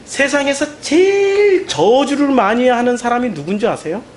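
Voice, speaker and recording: High-pitched, animated male pastor preaching. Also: moderate pace, slight background noise. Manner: animated and emphatic, with frequent rhetorical questions. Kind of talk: sermon.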